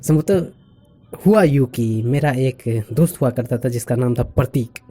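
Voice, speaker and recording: A man's voice: mid-range voice, a little slow, mellow, breathy edge. A man talking casually to his viewers, explaining a point with spoken examples and laughing now and then. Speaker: vlogger.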